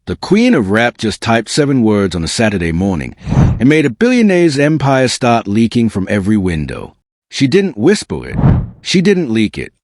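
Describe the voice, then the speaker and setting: A man's voice: medium pitch, darkish tone, dry recording, studio quality. A man narrating a scripted exposé as host, with a smug, sarcastic, dramatic delivery and slangy phrasing. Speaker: host of a celebrity gossip video channel.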